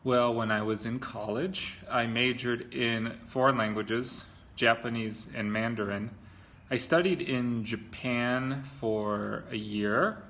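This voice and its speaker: A man's voice: mid-range voice, steady tone, slow, a bit bright. A man from the USA, speaking about his life abroad in an upbeat way, with frequent "um". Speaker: expat interviewee. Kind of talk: casual talk to camera.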